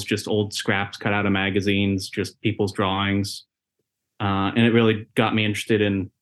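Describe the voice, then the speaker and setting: A man from Massachusetts in his thirties, a tattoo artist answering interview questions thoughtfully with fillers. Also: lowish voice. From USA, Massachusetts.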